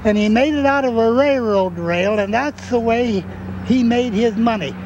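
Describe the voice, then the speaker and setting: Old american guy w high voice, folksy rustic talk, loud traffic outside. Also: normal speed, lo-fi sound. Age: elderly. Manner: rustic, ungrammatical plain speech. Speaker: interviewee, former salvage dealer. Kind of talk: folksy oral-history reminiscence. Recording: loud outdoor ambience with traffic.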